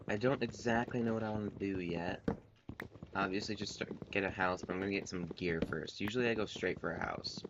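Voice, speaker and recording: Deep-voiced man on a livestream headset mic. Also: brisk, lo-fi sound, noisy background. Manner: relaxed, thinking aloud, trailing off. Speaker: gaming streamer. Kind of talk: casual livestream chat while playing. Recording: music playing behind the voice. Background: background music.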